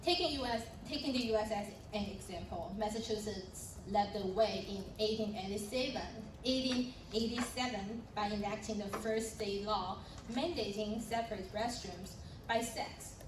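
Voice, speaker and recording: A young woman from Taiwan introduces a panel in a friendly way, with fillers and light laughs. She is picked up from a distance in a roomy hall, with steady background noise underneath. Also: medium pitch, moderate pace. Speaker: panel moderator.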